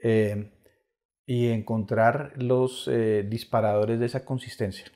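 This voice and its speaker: A man's voice: medium pitch, fairly even intonation, takes it slowly, warm tone. A middle-aged man with a Colombian Spanish accent chatting casually as a comedian guest on a podcast, with frequent restarts. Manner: chatty, stammering restarts, laughs often.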